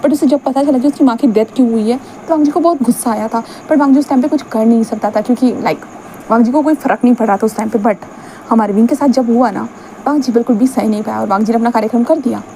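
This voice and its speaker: A woman's voice: fairly high pitch, fast talker, mellow, a little hiss or hum, low-quality recording. A woman telling a fan fiction story in a casual, chatty way, mixing in English words and briefly acting out the dialogue.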